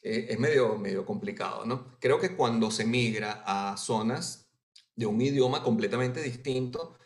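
A Venezuelan writer, whose Venezuelan Spanish accent has Argentine touches, answers interview questions thoughtfully, with many hesitations and tag questions. His mid-range voice moves at a measured pace in a reverberant space.

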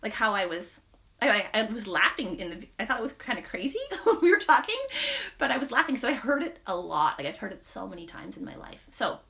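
A woman's voice: mid-range voice, sing-song, a little fast, vocal fry, fairly bright tone. A woman in her thirties, a podcast co-host, talking through personal reflections on faith in a rambling, candid way, laughing often. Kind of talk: casual faith chat.

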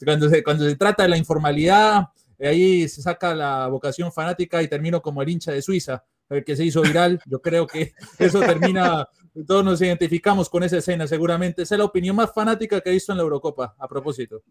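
Male sports journalist from Colombia, slightly high voice, fervent fan chatter. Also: fast. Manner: enthusiastic, rambling with fillers. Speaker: podcast guest, sports journalist. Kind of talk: casual podcast chat.

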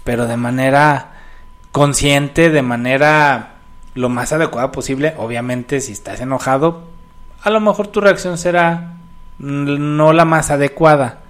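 A man's voice: medium pitch, unhurried. A man, co-hosting a casual talk show, explaining points and adding jokey asides. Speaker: podcast co-host. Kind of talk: casual chat.

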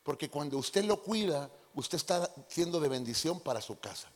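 Un hombre predicando un sermón animado a su congregación, con humor y preguntas directas al público. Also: male voice, a little high, expressive, normal speed, in a large hall. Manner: playful, addresses the congregation directly. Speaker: pastor. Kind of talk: lively sermon with acted-out impressions. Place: church hall.

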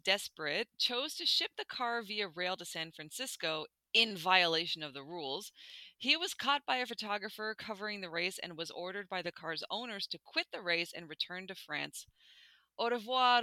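A woman's voice: medium pitch, lively intonation, moderate pace, sharp tone, no echo. A woman co-hosting a casual history podcast, reading notes in a chatty, playful way full of "like" fillers. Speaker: podcast co-host.

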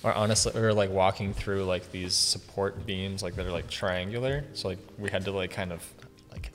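A man's voice: deep voice, fairly even intonation, fairly quick. A man, a filmmaker, chatting casually in a rambling way full of "like" and "you know", his voice carrying a big hall echo. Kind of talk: casual group chat. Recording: echoey hall reverb.

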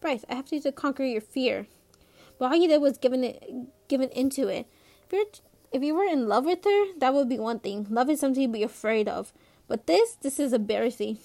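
A woman voicing a stern middle-aged father who scolds his son in measured words, in a storybook reading. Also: high voice, darkish tone. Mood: scolding.

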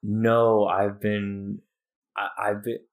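A man's voice: lowish voice, flat delivery, extremely slow. A man in an improvised comedy murder mystery, talking in a hesitant, rambling way. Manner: hesitant, rambling, full of fillers. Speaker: improv player. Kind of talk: improvised comedy role-play.

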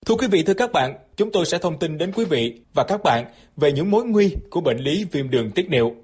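A man's voice: on the high side, lively intonation, brisk, a little mellow, breathy edge. A man reading scripted health information as a radio segment announcer.

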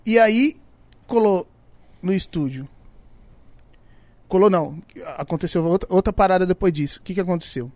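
A man's voice: high-pitched, moderate pace, pauses often, a little mellow, dry recording. A man from the São funk scene, telling stories in casual slang and acting out the dialogue. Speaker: funk music producer. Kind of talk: casual podcast storytelling.

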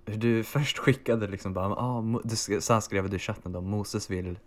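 A man with a slightly low voice speaks with theatrical, overwrought phrasing. He plays up the melodrama of a comic podcast exchange. He is heard over a video call. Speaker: podcast co-host.

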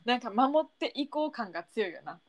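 A woman's voice: on the high side, a little fast, no echo. A young woman with a Kansai accent, co-hosting a casual, playful podcast chat. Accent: Kansai Japanese. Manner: animated, playful banter. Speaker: podcast co-host.

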